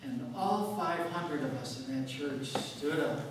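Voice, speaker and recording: A man's voice: a little high, a little slow. A male pastor preaching a dramatic sermon, building his story around repeated refrains. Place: church sanctuary. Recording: very echoey church from a distant mic, faint hiss.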